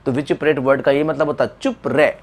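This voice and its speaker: A man's voice: medium pitch, steady tone, fairly quick. A man with an Indian English accent teaching vocabulary to camera. He mixes Hindi and English, asks questions and answers them himself, and repeats key points. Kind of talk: classroom lesson to camera.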